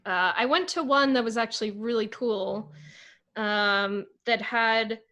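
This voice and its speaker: A young adult woman co-hosting a podcast in casual chat, chatty and quick to laugh. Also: a little high, pushed and bright. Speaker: podcast co-host.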